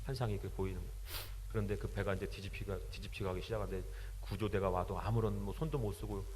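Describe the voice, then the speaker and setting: A man preaching a sermon, telling the story with passion and building up to shouting. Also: on the low side, fairly even intonation, fast talker, slight background noise. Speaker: pastor. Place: large prayer retreat hall. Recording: long hall reverb.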